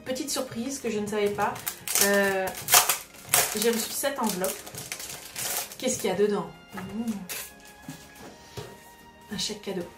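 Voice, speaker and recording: A woman's voice: medium pitch, a little slow, pauses often, recorded from a distance. Chatty woman unboxing in an echoey room. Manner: chatty, hesitant with frequent filler sounds. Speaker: craft vlogger host. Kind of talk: casual unboxing vlog. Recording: roomy echo, voice away from the mic, music behind. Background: background music.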